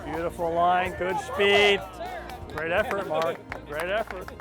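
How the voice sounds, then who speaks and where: A high-voiced man gives golf commentary in an effusive, encouraging way. He sounds like an excited contest host, exclaiming over each shot outdoors, with music clearly playing behind him. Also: measured pace.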